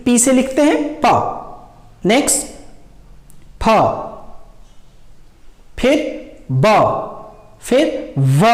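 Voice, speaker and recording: Slow, lively-voiced woman teaching pronunciation. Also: mid-range voice, reverberant. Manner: drawn-out demonstrations of sounds. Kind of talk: slow explanatory lesson.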